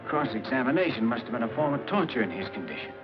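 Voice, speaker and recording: An actor playing a stubborn, guilt-ridden man in a 1950s film, talking quietly and with restraint. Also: medium pitch, big pitch swings, fast, lightly acted. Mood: firm. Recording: dull old film soundtrack with music.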